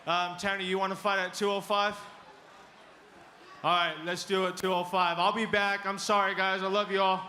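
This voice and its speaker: A man, a fighter, giving a halting, emotional impromptu speech to an audience. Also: high voice, flat delivery, sharp tone, a little hiss or hum.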